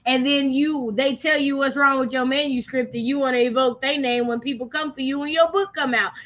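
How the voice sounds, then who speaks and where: The American co-host of a live book discussion speaks in a high, bright, pushed voice. Casual yet emphatic, she repeats phrases again and again to hammer her points.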